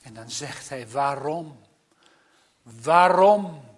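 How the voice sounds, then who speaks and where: A man delivers a sermon at a very slow, deliberate pace. His fairly high voice swells into loud cries, then sinks to a hush. Long reverb hangs on every phrase, as in a large church. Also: steady tone. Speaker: pastor.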